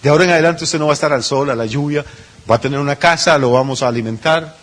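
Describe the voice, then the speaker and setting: A man's voice: fairly high pitch, fast, fairly bright tone. A male pastor, preaching a sermon in a conversational way, full of rhetorical questions and little acted-out asides.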